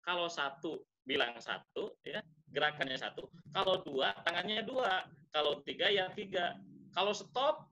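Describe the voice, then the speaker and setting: A man with a fairly high, bright and forceful voice gives a public speaking lesson over a webinar. He demonstrates as he teaches, swinging his pitch and pace on purpose. The sound is dull and lo-fi, like online call audio.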